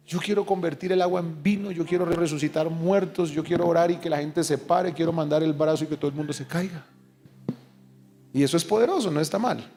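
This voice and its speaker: Pastor, man, fairly high voice, emphatic pulpit delivery, faint music under. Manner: emphatic, animated preaching with call-and-response. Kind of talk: sermon. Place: church service.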